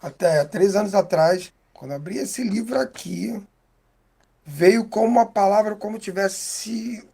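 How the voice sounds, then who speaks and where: A man with a Brazilian Portuguese accent giving a heartfelt, halting faith testimony as an interview guest. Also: high voice, gravelly.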